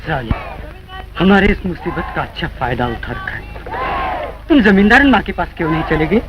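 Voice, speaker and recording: An actor playing an earnest, troubled villager in a 1940s film. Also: male voice, a little high, sing-song, moderate pace, background noise. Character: distressed male villager talking with a friend. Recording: dull old film soundtrack.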